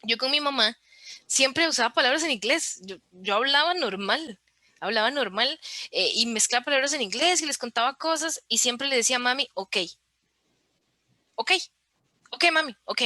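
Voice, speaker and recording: Female podcast guest, higher pitch, bright tone, clear and teaching-minded, dry sound. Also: expressive, brisk, no room sound. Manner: clear, didactic, explains with examples. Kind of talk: explanatory interview talk.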